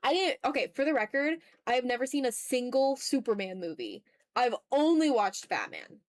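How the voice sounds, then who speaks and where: Here a woman with a fairly high voice and big pitch swings talks at a normal speed, recorded with no room sound. It's a loose, rambling art livestream chat as she draws, full of self-deprecating jokes, some swearing, and viewer comments read aloud.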